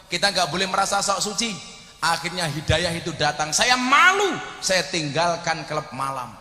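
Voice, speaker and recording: A man with a Javanese accent delivers a comic sermon in a high, bright voice, shifting from quiet storytelling to sudden shouted punchlines. His voice rings through a large hall with a long, echoing reverb. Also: sing-song, normal speed, faint music behind. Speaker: preacher. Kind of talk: humorous sermon.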